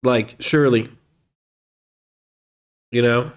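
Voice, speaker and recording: Here the streamer, in his thirties, speaks at a medium pitch in a steady tone, taking things slowly. It's casual stream chat as he reads messages aloud, rambling and dropping "man" and "you know" throughout.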